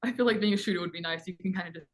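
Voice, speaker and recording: A woman's voice: fairly low pitch, rapid-fire, slight background noise. A young woman from Adelaide with an Australian accent, giving casual interview answers on a video call. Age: young adult. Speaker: college basketball player. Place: indoor team room, video call.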